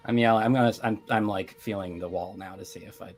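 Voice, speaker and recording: A man playing a tabletop horror game, describing his character's actions in halting, self-correcting speech. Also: fairly low pitch, steady tone, a little mellow, faint music behind. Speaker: player. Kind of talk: tabletop role-play.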